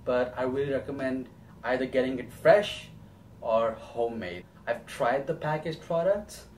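In a small home kitchen, a young adult host shows how to cook something step by step in a casual way. His medium-pitched voice moves a little slowly, with slight hiss or hum in the background.

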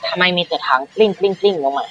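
A man hosting a gaming channel, giving playful, excitable commentary, role-playing dialogue and voicing his own jump sounds as he plays. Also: brisk, highs cut off, slight background noise.

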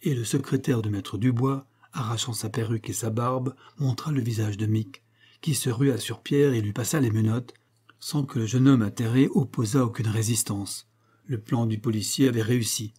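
A man narrating a detective story as an audiobook reader, measured and even. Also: medium pitch, breathy edge.

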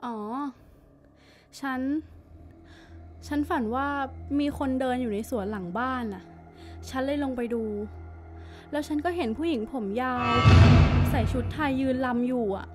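A woman's voice: sits high, a little slow, pauses often, over music. A woman playing an anxious young wife troubled by eerie nightmares in a radio drama. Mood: uneasy.

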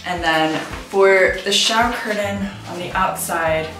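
This casual vlog chat features a woman in her thirties speaking at a measured pace in a mid-range voice. She thinks aloud informally while doing tasks in an empty apartment and small tiled bathroom, where echo and background music fill the recording.

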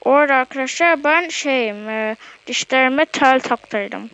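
A woman's voice: high-pitched, measured pace, fairly bright tone, clean tone. A woman narrating her daily routine in a casual vlog, talking straight to her viewers and often tripping over her words. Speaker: vlogger. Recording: dull, dry, lo-fi sound.

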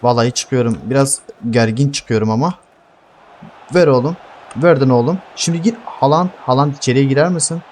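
A young man giving heated live gameplay commentary, swearing constantly and yelling at his teammates. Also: medium pitch, a little fast, a little hiss or hum. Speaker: gaming streamer.

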